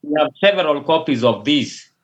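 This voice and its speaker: On a call with dull, lo-fi audio, a Kenyan man who is a pastor and a native Luo speaker responds to an interviewer. He sounds hesitant, frequently repeating and restarting words. His voice is a little high, animated, and moderately paced.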